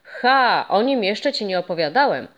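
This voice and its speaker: A woman's voice: mid-range voice, big pitch swings, normal speed, natural voice. A woman voicing a friendly old castle ghost. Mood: mysterious. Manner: mysterious, proud, warm storytelling.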